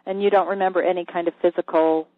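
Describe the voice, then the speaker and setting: A radio host giving an energy healing reading to a caller, calm and halting, sometimes dropping to a whisper while checking. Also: mid-range voice, dry recording. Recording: thin phone-like line, dry.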